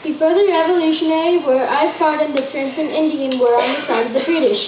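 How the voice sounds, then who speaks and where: A woman's voice: sits high, fairly even intonation, quick pace, lightly acted. A woman playing a dutiful commanding general in a school history skit, reading earnestly. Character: commanding general, later first president, dutiful. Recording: echoey room, dull, faint noise.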